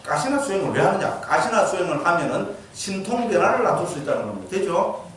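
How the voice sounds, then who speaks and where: Heard from a distance in an echoey temple lecture hall with slight background noise, a man speaks in a high, sing-song, slightly bright voice at a fast clip. He's a monk with a Gyeongsang accent giving a dharma lecture, repeatedly questioning the audience and checking they follow with "geujyo?"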